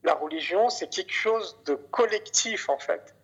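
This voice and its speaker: Guest on a muffled Skype line: man from Afghanistan, husky and hesitant, testifying in a news report. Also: high voice, expressive, a little slow, a bit bright. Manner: hesitant, keeps adding "en fait". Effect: heard over a Skype call. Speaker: interview guest. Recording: muffled internet call audio.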